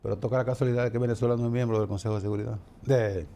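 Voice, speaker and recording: A man's voice: mid-range voice, fairly even intonation, very fast, dark tone, a little hiss or hum. A man commenting on politics in casual studio talk, often repeating words as he searches for the next phrase.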